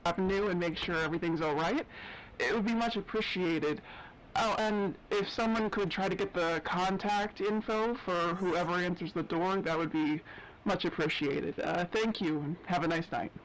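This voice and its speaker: An actor playing a polite, hesitant school official who leaves a voicemail for the police, with frequent ums and uhs. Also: male voice, high-pitched, moderate pace, fairly bright tone, low-quality recording. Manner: polite, hesitant, full of filler words. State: leaving a voicemail.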